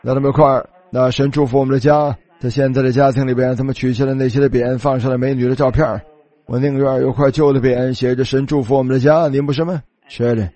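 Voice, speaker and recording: A man tells a story during a sermon, delivered as a Chinese voice-over, opening many phrases with a filler. He speaks quickly in a medium pitch, his intonation fairly even and his tone warm.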